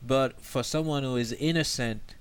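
A man's voice: medium pitch, normal speed, smooth. A man from Jamaica, a seminary student, talking in a thoughtful, hesitant way with many fillers. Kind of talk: casual discussion.

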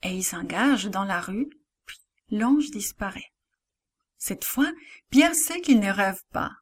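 A woman tells a children's Bible story at a slow, unhurried pace. Her reading is expressive and full of hushed asides. Her voice sits at a medium pitch. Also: slightly rough. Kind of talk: scripted narration for children.

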